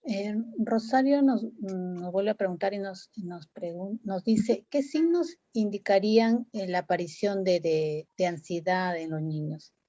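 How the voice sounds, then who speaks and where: A woman moderator with a Peruvian Spanish accent, reading out an audience question with a hesitant, halting delivery. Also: medium pitch, mellow, dry recording, lo-fi sound.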